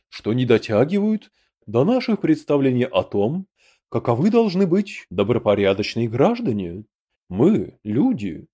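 A man's voice: mid-range voice, dark tone, slightly rough, full character voice. A male narrator voicing a portly, principled human emperor who speaks of himself as "we" in an audiobook.

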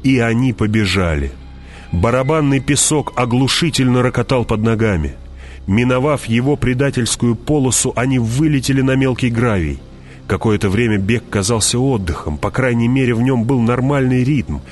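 A man narrating an audiobook in a measured, dramatic way, dropping his voice and slowing down at tense moments. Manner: measured, drops voice low and slows on tense moments.

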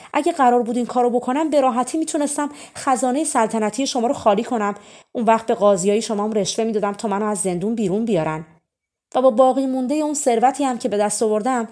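A woman's voice: on the high side, darkish tone, natural voice. Humble young man, a clever thief, earnest and pleading, as a woman reads him.

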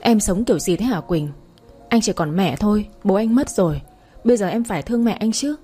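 A stern husband reproaching his wife, as a woman reading a storybook puts him on, pitched lower than her own voice and pressing hard. The tone is dark and a touch husky. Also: animated, fairly quick, faint music behind. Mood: reproachful. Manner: reproachful, lecturing. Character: harsh reproachful husband, a man in his thirties.

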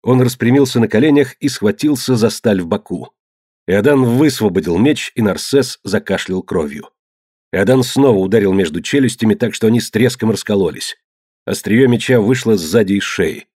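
Male audiobook narrator, measured and low, dry close recording. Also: animated, darkish tone, husky, dry recording. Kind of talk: scripted narration.

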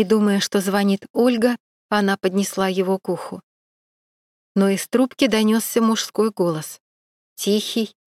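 A woman reading a novel aloud in an even, measured storytelling voice. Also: mid-range voice, no room sound, studio quality. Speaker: audiobook reader. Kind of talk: scripted narration.

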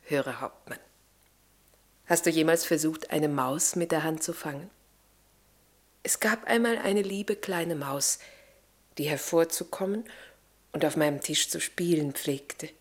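Earnest, devout Lavinia. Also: female voice, on the low side. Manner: earnest, expressive, swelling from hushed to fervent. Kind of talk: German radio play acting.

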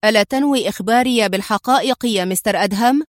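A woman reading an angry, chain-smoking male police inspector in an audiobook, with a sharp, scolding manner. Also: high voice, quick pace, dry recording, clean studio sound, lightly acted. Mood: irritable.

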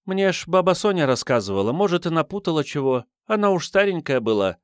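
A man's voice: a little high, sing-song, quick pace, no room sound, studio quality, pitched above the performer's own voice. A man voicing a cheeky, scruffy homeless teenage girl who talks brashly in street slang, in an audiobook. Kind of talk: audiobook reading.

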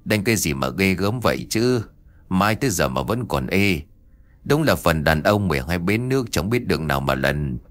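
A man's voice: low-pitched, very animated, normal speed, no echo. A man voicing a cowardly, henpecked old male exorcist who whines and complains in a storybook tale. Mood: whining. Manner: whiny complaining.

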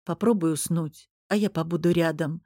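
A woman voicing a tender, protective husband, speaking softly and a little lower than her own voice. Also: unhurried, dry recording, studio quality. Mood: tender soothing. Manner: soft, lowered, cooing.

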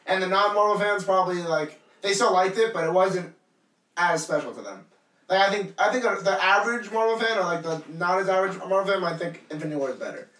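A man's voice: high voice, animated, fast talker, a bit bright, roomy sound, distant mic. A young man co-hosting a casual podcast, rambling with lots of fillers. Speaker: podcast co-host.

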